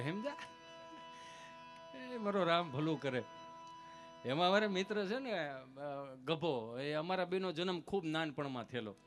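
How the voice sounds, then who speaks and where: A man telling comic folk stories on stage, with a lively, teasing delivery and punchy repetition. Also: high voice. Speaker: stage comedian.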